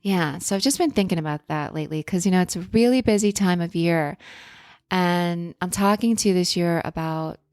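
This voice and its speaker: A woman's voice: lowish voice, normal speed, darkish tone, clear, resonant tone, dry recording, clean studio sound. A woman hosting a podcast in a self-help influencer style, speaking casually and earnestly with spiritual encouragement and affirmations.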